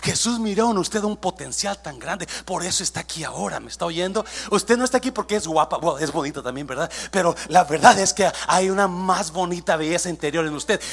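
A man preaching a sermon, mixing Spanish with English phrases, speaking directly to the congregation with many questions and swinging between hushed asides and shouted calls. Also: a little high. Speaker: pastor. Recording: faint mains hum.

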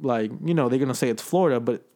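A man's voice: mid-range voice, fast talker, dark tone. A young man co-hosting a casual podcast chat, rambling and peppering his talk with dude and bro. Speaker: podcast co-host.

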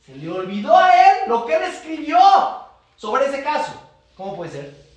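A man's voice: moderate pace, echoey room. A man, a rabbi teaching a class, telling stories and acting out the dialogue. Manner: animated, acts out dialogue with shifting pitch. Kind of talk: storytelling lesson.

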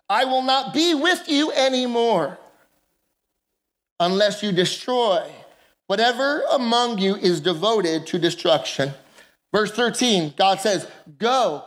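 A woman pastor preaching a sermon into a pulpit microphone in a church, emphatic and calling for the congregation's responses. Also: fairly high pitch. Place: church sanctuary.

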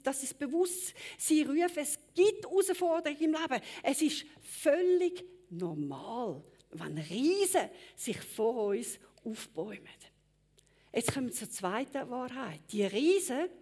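High-voiced, husky woman preacher. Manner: emphatic, swings between loud exclamations and hushed lines. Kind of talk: sermon.

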